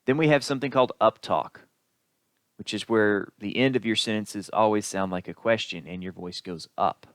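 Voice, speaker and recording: A man giving a recorded lecture as an instructor, explaining in an unhurried way with the odd filler. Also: lowish voice, no echo.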